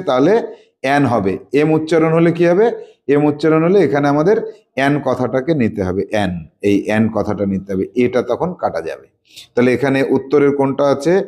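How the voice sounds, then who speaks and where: A man teaching English grammar through a worksheet, repeating words and slowly spelling out example sentences for students. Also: a little high, a little mellow.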